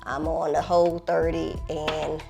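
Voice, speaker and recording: A woman hosting an interview in casual chat, animated and playful, laughing often. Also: sits low, measured pace, vocal fry, music in the background. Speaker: host.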